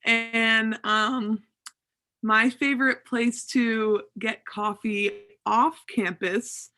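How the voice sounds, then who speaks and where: Laid-back young woman with a higher voice. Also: steady tone, very slow, pushed and bright. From Cape Cod, Massachusetts. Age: young adult. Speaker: student panelist. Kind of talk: casual livestream Q&A.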